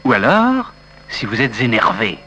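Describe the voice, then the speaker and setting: A man announcing each case in a comic sketch, in a measured way. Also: fairly low pitch, huge pitch swings, lo-fi sound. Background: loud music.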